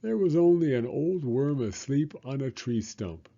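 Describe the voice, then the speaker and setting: A man's voice: medium pitch, lively intonation, unhurried, dark tone, dull audio, voice pushed up. A man voicing a cheerful, kindly frog telling his friend a childhood memory in an earnest, lilting way. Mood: earnest reminiscing.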